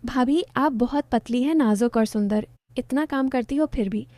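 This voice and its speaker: A woman voicing a gentle, earnest young man who speaks affectionately to his sister-in-law. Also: a little high, moderate pace, dry recording, close to an everyday voice. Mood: tender. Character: tender young man, devoted brother-in-law.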